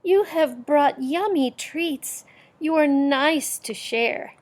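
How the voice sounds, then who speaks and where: A woman's voice: high-pitched, takes it slowly, pitched above the performer's own voice. An older woman voicing a big, humble, plaintive bear in a children's storybook. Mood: downhearted. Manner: plaintive, sighing.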